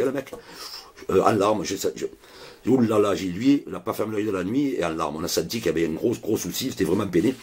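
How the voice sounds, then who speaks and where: A man tells a meandering story to his viewers in a casual vlog. His voice is husky and sits in an ordinary middle pitch. He rambles, swears freely and keeps tossing in little asides. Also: a little mellow. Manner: rambling, chatty, peppered with swearing and "hein". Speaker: vlogger.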